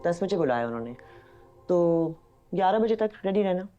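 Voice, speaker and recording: A woman's voice: fairly low pitch, animated, moderate pace, dark tone, muffled recording, faint music behind, lightly acted. An actress playing a cold, stern middle-aged woman of the house in a TV drama, speaking in a curt, commanding way. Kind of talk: TV drama acting.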